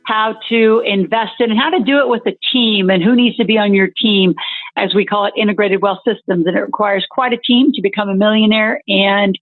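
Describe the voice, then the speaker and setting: A woman hosting a podcast interview, talking in a brisk, upbeat presenter manner. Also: medium pitch, dry recording. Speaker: podcast host. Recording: tinny phone line, dry, faint music behind.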